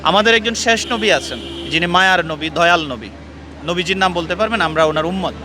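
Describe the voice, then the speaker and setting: On a noisy street with passing traffic, a channel host earnestly asks passers-by quiz questions and lectures them. His voice sits high, and he talks fairly quickly.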